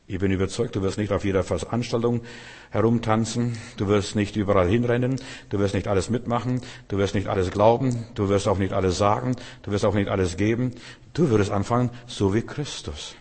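A man's voice: fairly low pitch, darkish tone, husky. A male preacher giving a sermon, firing off repeated rhetorical questions and speaking straight to his listeners in a church hall. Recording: long hall reverb.

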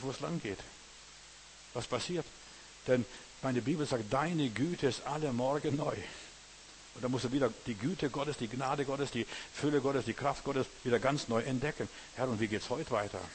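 A man preaches a sermon in a folksy, conversational way. He keeps checking in with the listener, asking whether they know and understand. His voice sits at an ordinary pitch, with a faint hiss behind it.

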